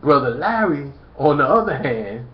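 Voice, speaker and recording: A man's voice: fairly high pitch, very animated, normal speed. A man lecturing emphatically in a preachy monologue, hammering the same rhetorical questions again and again. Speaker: commentator. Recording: echoey, dull lo-fi recording.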